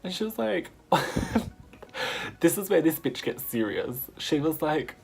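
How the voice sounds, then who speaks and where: A man telling a story in a casual vlog, animated and laughing, swearing freely as he goes. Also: a little high, unhurried, gravelly, slightly rough, faint music behind. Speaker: vlogger.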